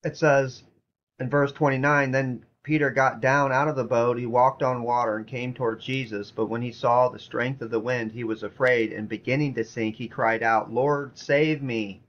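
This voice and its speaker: Man preaching, earnest, repeats key lines, reads scripture, dull lo-fi sound, mid pitch. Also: flat delivery, normal speed, a bit bright. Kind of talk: sermon teaching.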